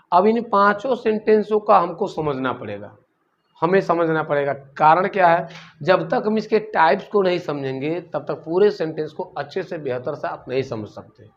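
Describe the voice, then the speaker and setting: Male teacher, gravelly voice, rhetorical questions, step-by-step grammar lesson. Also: sits high. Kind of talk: classroom-style grammar lesson. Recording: dull lo-fi recording.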